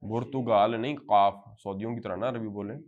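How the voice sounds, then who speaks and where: A man with a Pakistani accent teaching Arabic to a live class. He spells out example phrases slowly and then explains them in quick bursts. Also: fairly low pitch, phone-quality sound. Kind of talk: classroom lecture.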